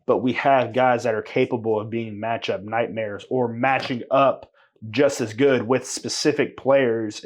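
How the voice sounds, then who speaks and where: A man co-hosting a sports podcast in casual, conversational chat. He trails off and restarts his sentences and sometimes uses mildly salty words. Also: mid-range voice. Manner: loose and conversational, trails off and restarts mid-thought. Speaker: podcast co-host.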